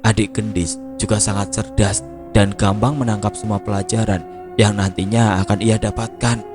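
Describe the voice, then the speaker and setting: A man voicing a gentle, modest older becak driver with a Javanese accent, speaking softly. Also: lowish voice, level tone, normal speed, natural voice. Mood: humble. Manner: soft-spoken, modest. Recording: music playing behind.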